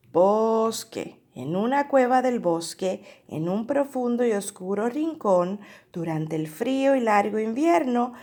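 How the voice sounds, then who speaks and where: Slow, high-voiced teacher reading aloud. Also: female voice. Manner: slow, drawn-out syllable drilling with animated read-aloud emphasis. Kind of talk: reading a picture book aloud to young children.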